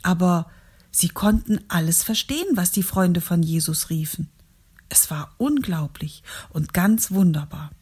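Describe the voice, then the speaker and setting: A woman from a church congregation telling a Bible story to children, gently and warmly. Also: lowish voice, measured pace. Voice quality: breathy. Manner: gentle, warm reading to children.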